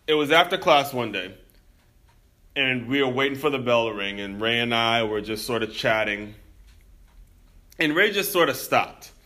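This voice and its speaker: A young American man hosts a podcast and tells a personal story in an earnest, reflective monologue. His voice is bright and forward. He speaks straight to his listeners. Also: mid-range voice, lively intonation, normal speed, long pauses. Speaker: podcast host.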